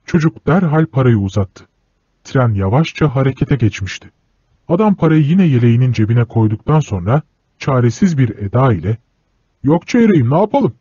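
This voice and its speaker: A man narrating a literary audiobook in a steady, measured storytelling voice. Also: mid-range voice, husky, no room sound. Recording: dull lo-fi recording.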